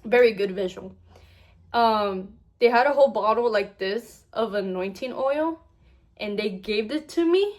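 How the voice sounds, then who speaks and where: A woman's voice: medium pitch, measured pace, a little mellow. A young adult woman recording a casual storytime vlog. She retells events animatedly, acts out what others said, and uses "like" constantly. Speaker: vlogger.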